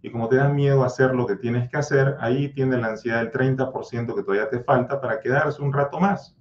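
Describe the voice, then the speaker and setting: Answering comments on his anxiety livestream, this male coach and channel host is blunt, scolding, and insistent, repeating mantras again and again. He speaks a little fast at a medium pitch with fairly even intonation; the audio is roomy, slightly dull, with slight background noise.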